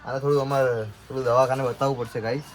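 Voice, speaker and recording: A man gives a chatty, rambling tour of his small shop and storeroom, talking straight to his viewers. His voice sits at an ordinary pitch. Street traffic and noise fill the background. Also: fairly even intonation, quick pace, rough recording. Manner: chatty, keeps addressing viewers as guys. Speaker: shopkeeper vlogger. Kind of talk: casual vlog commentary.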